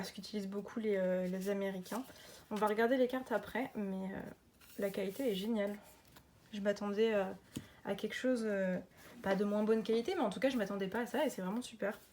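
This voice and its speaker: A woman's voice: medium pitch, a little mellow. Chatty woman unboxing a card deck. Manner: chatty, enthusiastic, many hesitations. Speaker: tarot and oracle deck reviewer. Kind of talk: casual unboxing chat.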